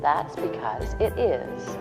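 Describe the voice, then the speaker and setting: A woman speaking over a hospital intercom, calmly paging someone with measured announcements. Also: low-pitched, creaky. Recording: echoey loudspeaker with music behind.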